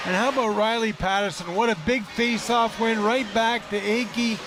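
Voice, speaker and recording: A man gives hockey replay analysis in a high, emphatic voice. He sounds enthusiastic as a colour commentator. Music plays clearly behind him. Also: fairly even intonation, normal speed, a crowd in the background.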